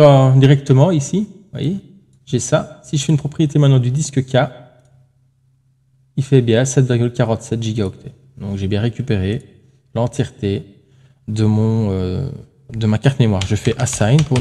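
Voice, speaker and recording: A man's voice: mid-range voice, fairly even intonation, moderate pace, dark tone. A man hosting a tech tutorial, talking casually through each step on screen, thinking aloud with fillers and self-corrections.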